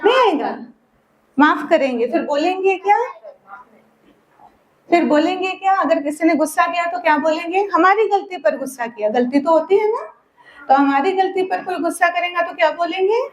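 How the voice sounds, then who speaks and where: A woman with a high voice holds a lesson for a group of children and tells them a story. She keeps throwing quick questions at them and waits for the answers. She draws out key words in a sing-song way. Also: expressive. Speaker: spiritual teacher at a children's summer camp.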